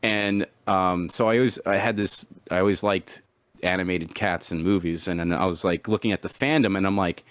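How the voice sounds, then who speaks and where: Low-voiced man rambling in casual chat. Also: steady tone, normal speed, smooth, no room sound, clean studio sound. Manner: rambling, repeats words, acts out his own past thoughts in a raised voice. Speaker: interview guest.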